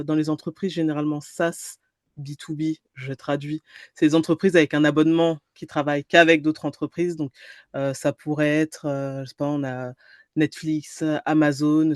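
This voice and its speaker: A woman's voice: sits low, fairly even intonation, moderate pace, darkish tone, no room sound, studio quality. A woman talking casually as an interview guest and explaining her work. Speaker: podcast guest, entrepreneur and trainer.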